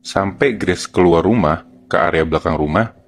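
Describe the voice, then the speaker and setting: A man's voice: sits low, moderate pace. A man with a Jakarta accent telling a horror story to friends in casual, colloquial steps. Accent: Jakarta Indonesian. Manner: colloquial, step-by-step narration. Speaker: podcast storyteller.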